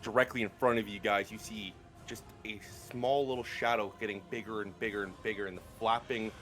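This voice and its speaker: A man acting as game master, narrating a tabletop fantasy game with suspenseful, drawn-out phrasing. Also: fairly low pitch, fairly even intonation, a bit bright, soft background music.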